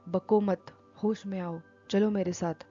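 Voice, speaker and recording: A woman's voice: mid-range voice, measured pace, a little mellow, natural voice. A woman voicing a short, hunchbacked man who speaks in a curt, commanding tone, in a storybook reading. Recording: dull lo-fi with faint music.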